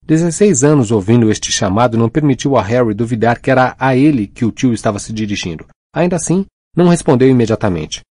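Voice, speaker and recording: A man reading a novel aloud as an audiobook narrator, in a measured, expressive way, on a close mic. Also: medium pitch, husky, dry recording. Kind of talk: scripted narration.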